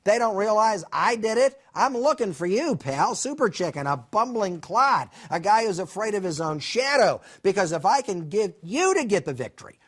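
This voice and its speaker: A man's voice: sits high, sing-song, moderate pace, few pauses, a bit bright, full character voice. A man voicing a stern, exasperated divine messenger who gives blunt orders. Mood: confident. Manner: brusque, commanding, matter-of-fact.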